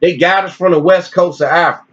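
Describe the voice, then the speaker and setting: A man teaching informally and reading articles aloud with his own commentary, in an animated, preachy way with repeated phrases. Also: sits high, quick pace. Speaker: religious teacher. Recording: dull lo-fi recording.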